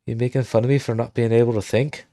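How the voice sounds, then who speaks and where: Speaking fast in a level, dark-toned mid-range voice, a streamer builds a game live while putting on an Irish accent. The recording is dry, and he thinks aloud casually, muttering commands as he keys them in.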